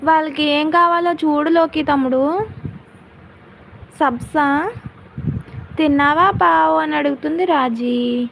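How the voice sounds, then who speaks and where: A woman's voice: high-pitched, slow pace, vocal fry, long pauses, a bit bright, a little hiss or hum. A woman hosting a casual live stream, chatting with viewers and answering their comments by name.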